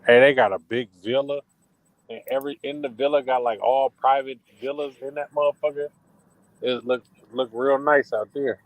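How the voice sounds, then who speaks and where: A man hosting a casual podcast chat, loud and joking, with slang. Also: medium pitch, fairly even intonation, normal speed, no echo, phone-quality sound. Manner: loud, joking trash talk. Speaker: podcast host.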